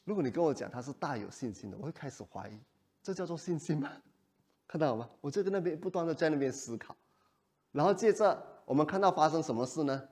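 A male pastor preaching a sermon in an animated way, often putting rhetorical questions to the congregation. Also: a little high, quick pace.

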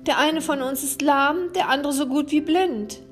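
Brief: lame and blind animal friends, worried and pleading, as a woman reads them, high pitch. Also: normal speed, soft background music, natural voice. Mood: grateful worried. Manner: anxious, pleading.

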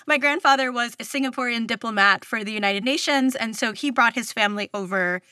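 Speaking as a guest in a relaxed interview, a thirty-something woman from New York, a public radio journalist from the US East Coast, keeps up a chatty flow full of fillers and frequent laughter mid-sentence. Her slightly high voice is brisk with a sharp tone. The sound is clean studio audio without echo.

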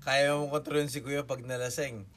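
A man's voice: medium pitch, little pitch movement, normal speed, loud music behind the voice. A man joking around in casual banter among friends. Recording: noisy casual recording.

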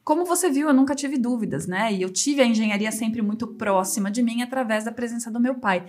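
A woman with a slightly high voice speaks as a podcast guest. She tells her stories in a lively, conversational way and slips into other people's voices when she quotes them. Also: a little fast. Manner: lively storyteller who acts out quoted dialogue. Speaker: civil engineer guest. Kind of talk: casual interview storytelling.

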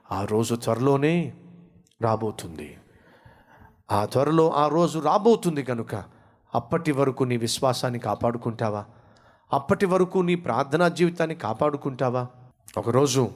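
A man preaching as a pastor, then praying, using rhetorical questions and emphatic repetition with rising and falling delivery. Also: mid-range voice. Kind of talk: sermon and prayer.

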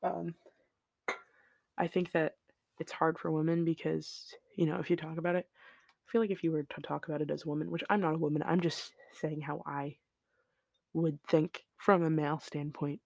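A man's voice: fairly high pitch, level tone, moderate pace, gravelly, dry recording. A man hosting his own solo podcast, talking casually in a rambling, tangent-prone way with lots of "like" and "um" and some swearing, into his home microphone. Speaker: podcast host.

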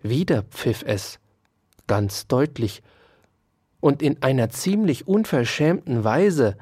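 A narrator reading a children's animal story aloud in a slow, expressive storybook manner. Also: medium pitch, breathy edge, no echo, studio quality.

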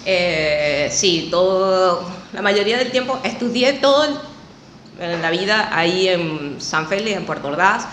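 A woman's voice: on the low side, animated, a little slow, a bit bright. Venezuelan woman guest on a podcast, chatty and laughs a lot, roomy echo. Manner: chatty, laughs often, a bit nervous. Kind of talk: casual interview. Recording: echoey room, faint noise.

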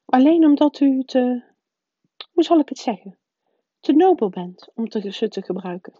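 A woman reading aloud voices a stern older female professor who talks in a high, urgent, faltering way. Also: animated, normal speed, warm tone, no echo. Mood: urgent, flattering. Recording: dull, dry lo-fi recording.

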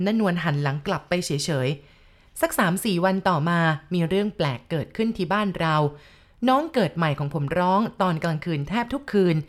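A woman giving a calm, measured scripted narration of a ghost story. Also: lowish voice.

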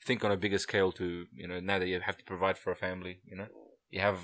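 A man's voice: sits low, level tone, quick pace, a bit bright. A man in his twenties co-hosting a casual podcast chat, laid-back, laughing often and saying "bro" and "you know" a lot. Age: 20s. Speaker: podcast co-host.

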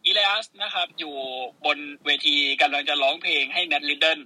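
A man co-hosting a podcast, recapping matches in casual, excitable, swear-filled play-by-play. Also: fairly high pitch, fairly quick, breathy edge, dry recording, poor audio. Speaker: podcast co-host.

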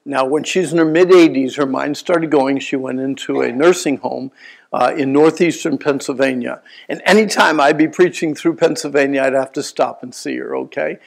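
A man in his sixties preaching a sermon, telling stories with animated swings between loud bursts and quiet asides. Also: mid-range voice, normal speed, vocal fry, poor audio. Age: 60s. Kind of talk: sermon storytelling.

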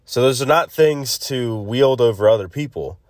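A man hosting a casual solo devotional podcast, thinking aloud haltingly, recorded on a phone's built-in mic instead of a proper microphone. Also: mid-range voice, darkish tone, no room sound. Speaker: podcast host. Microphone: built-in phone mic, no separate microphone. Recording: close, dry phone recording.

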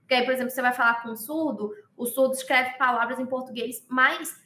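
A woman with a high voice explains things in a relaxed, casual conversation. She talks in a very expressive, animated way. Her voice rings in an echoey room. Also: fast talker, slight background noise.

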